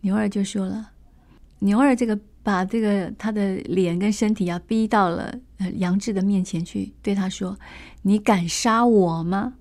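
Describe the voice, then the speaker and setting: A woman storyteller retells an old classic novel in a relaxed, chatty way, full of little fillers and asides. Her voice is at an ordinary mid pitch for a woman, and she speaks at normal speed.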